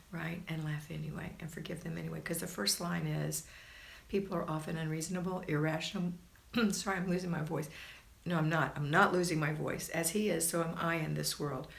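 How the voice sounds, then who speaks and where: This middle-aged woman has a low, creaky voice and runs a chatty, folksy livestream, reading comments and cheering people on while calling them "hun" and "honey." As a homemaking coach, she keeps the live chat casual, and the home recording sounds roomy and echoey.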